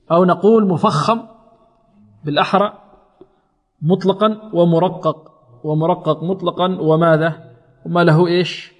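A man teaching Quran recitation in a classroom lesson, quizzing his students and demonstrating sounds over and over. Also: high-pitched. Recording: echoey hall reverb.

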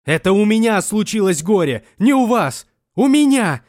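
A man voicing a desperate wounded young man, shouting through tears. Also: high voice, very animated, moderate pace, no room sound, studio quality, voice pushed up. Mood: sobbing, shouting.

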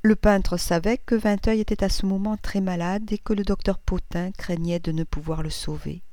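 A woman narrating a classic novel in a measured, even reading voice. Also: medium pitch, no echo. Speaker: audiobook reader.

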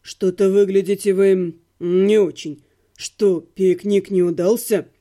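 A woman voicing a calm, dry husband in an audiobook, speaking in a lowered voice. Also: slow pace, lightly acted. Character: calm unflappable husband, a man. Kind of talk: audiobook character voice.

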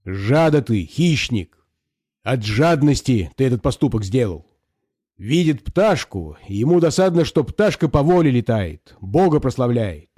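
A pompous provincial landowner scolds and moralizes at length, indignant and self-righteous, as a man puts him on. The voice swings up and down with a mellow tone and a dry sound. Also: mid-range voice, big pitch swings, a little slow, no room sound. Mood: lecturing.

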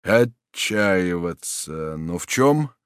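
A man's voice: mid-range voice, unhurried, dry recording, clean studio sound, pitched above the performer's own voice, natural voice. A man reading an audiobook voices a grieving, angry marshal searching for his daughters. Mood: troubled. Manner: anguished, shouting. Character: grieving middle-aged marshal, a proud angry father.

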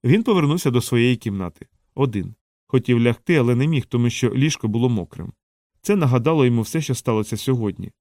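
Steady male audiobook narrator. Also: mid-range voice, no echo, studio quality. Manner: steady, measured reading.

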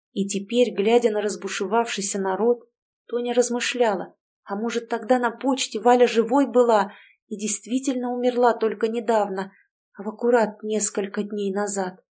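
A woman narrating a horror audiobook in a steady, measured storytelling voice. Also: mid-range voice.

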